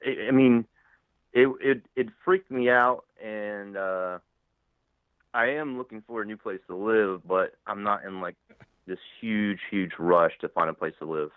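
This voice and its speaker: A man calling in to a paranormal talk show, telling his story haltingly with a slight lisp from a broken front tooth. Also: lowish voice, steady tone, clean tone, no room sound. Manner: halting, repeats words, restarts. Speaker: caller. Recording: tinny phone line.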